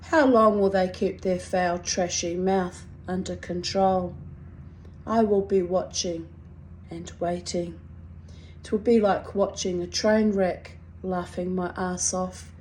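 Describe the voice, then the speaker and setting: A middle-aged woman with a strong New Zealand accent reads her own personal writing aloud in a wry, deliberate, dramatic way. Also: fairly low pitch, fairly even intonation, darkish tone, slight background noise. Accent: strong New Zealand (Kiwi). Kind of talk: expressive reading of personal confessional prose.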